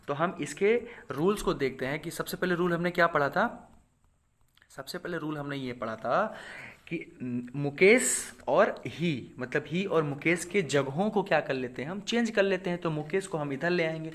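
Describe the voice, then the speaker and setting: A man from India teaching English grammar to viewers, asking questions and answering them himself, reading example sentences out slowly. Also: on the high side, a bit bright. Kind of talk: explaining grammar rules to viewers.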